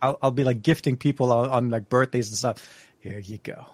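A man's voice: medium pitch, fairly even intonation, brisk, no echo. Chatty man on a dry mic. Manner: rambling, many restarts and fillers, laughs often. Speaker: podcast co-host. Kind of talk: casual tech podcast chat.

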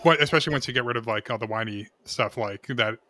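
Bright, halting man in casual chat. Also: medium pitch, dry recording. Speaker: podcast panelist.

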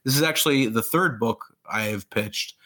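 A man's voice: mid-range voice, normal speed, pushed and bright. A man in his thirties who grew up in Pakistan, an author telling his story eagerly in a casual interview, rambling with fillers and restarts. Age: 30s.

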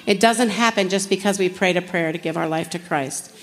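A woman's voice: lowish voice, brisk. Earnest woman preaching in a reverberant hall. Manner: earnest, direct, rhetorical questions to the audience. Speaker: conference speaker. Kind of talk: sermon. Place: conference hall.

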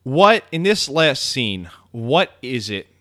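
A man hosting a casual podcast, animated and asking leading questions about a TV episode. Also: mid-range voice, slow. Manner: animated, asks leading questions, many fillers. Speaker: podcast host. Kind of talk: casual chat discussing a TV episode.

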